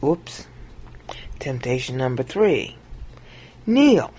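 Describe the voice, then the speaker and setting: This informal Bible teaching comes from a woman speaking over a screen recording, dramatizing quoted lines with big pitch jumps. Her delivery is sing-song and extremely slow, her tone dark, and a little hiss or hum is present.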